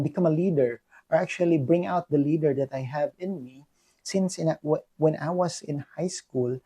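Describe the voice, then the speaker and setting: Speaking in a Filipino accent, a young man from the Philippines earnestly shares personal reflections in a vlog, full of fillers and restarts. He has a slightly high voice that is warm with a little roughness.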